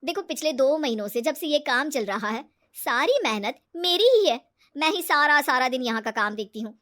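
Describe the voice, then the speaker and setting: A woman voicing a scheming, jealous young woman who cheats her friend, loud and coaxing. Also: high voice, animated, brisk.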